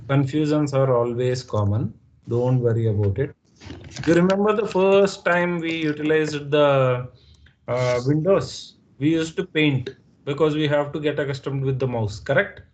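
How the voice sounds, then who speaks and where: A man's voice: on the high side, a little slow, darkish tone, lo-fi sound, slight background noise. A man with an Indian English accent teaching a live online class, patiently repeating points and checking that students understand. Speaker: instructor.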